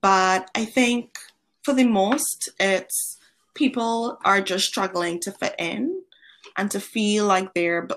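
A young woman from Trinidad and Tobago, a guest on a podcast interview who talks in a friendly, animated way with frequent ums. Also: medium pitch, takes it slowly, a little hiss or hum. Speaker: guest, founder of an online platform.

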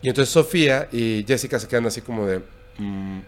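Un hombre con acento mexicano narra con calma una historia de terror en una charla informal, con pausas y tono bajo. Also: male voice, mid-range voice. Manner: recounting a scary story, hushed and halting. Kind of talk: casual storytelling.

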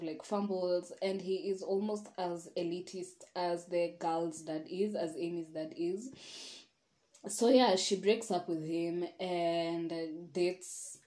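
Lowish-voiced woman rambling thru a show review on her podcast, kinda echoey room. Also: fairly even intonation, a little slow, dark tone. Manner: chatty, frank, rambling with asides and sighs. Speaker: podcast host. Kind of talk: casual solo review monologue.

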